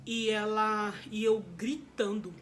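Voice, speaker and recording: A woman's voice: medium pitch, flat delivery, takes it slowly, slight background noise. A woman with a Brazilian Portuguese accent, telling her viewers a personal story in a candid, emotional vlog. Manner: emotional, candid, repeats herself and addresses viewers as "gente". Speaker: vlogger.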